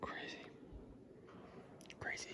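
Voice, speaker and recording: A man vlogging on a cave tour, whispering in awe with many fillers, his voice echoing through the cave. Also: slow pace. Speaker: travel vlogger. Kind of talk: hushed on-site cave tour. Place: large cave underground.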